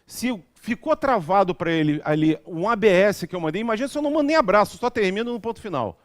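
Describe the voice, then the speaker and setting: A man's voice: sits high, animated, fast. A man giving a conversational spiritual talk at a spiritist center, telling everyday stories and often checking in with his listeners. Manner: chatty, storytelling, frequent asides asking the audience.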